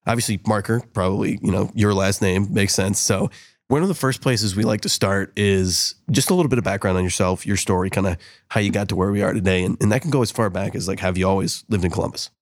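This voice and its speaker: A man from San Diego co-hosting a podcast, hoarse from a cold, chatting casually and mocking himself. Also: on the low side, no room sound, clean studio sound. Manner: quick, chatty and self-mocking. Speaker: podcast co-host. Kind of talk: casual podcast chat and show intro.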